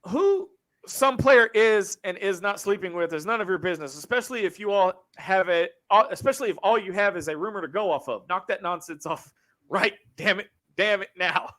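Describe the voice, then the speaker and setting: A man hosting a casual online podcast, talking loosely and cursing freely as he steers the conversation. His voice is bright and his pitch swings widely. It sounds like an online call mic. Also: animated, a little fast. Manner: loose, profane, runs the show. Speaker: podcast host. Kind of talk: casual chat.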